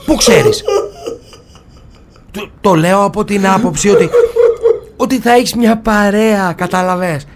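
A man's voice: sits high, long pauses, slight background noise. An actor playing a boastful, flustered man who gloats, then stammers in panic, with theatrical delivery. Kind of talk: comic theatre or audio drama.

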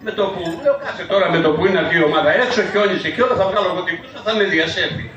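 An older man telling lively travel anecdotes, quoting people and chuckling through his stories. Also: high voice, dull audio. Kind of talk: anecdotal storytelling. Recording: echoey room from far off, crowd behind.

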